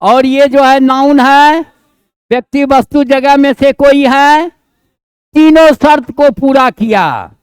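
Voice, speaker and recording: Speaking slowly in a very high-pitched voice, a male grammar teacher with a Bihari Hindi accent runs a classroom lesson. He scolds and coaxes in a homely, colloquial manner, keeping students involved with questions and checks. The recording is dry.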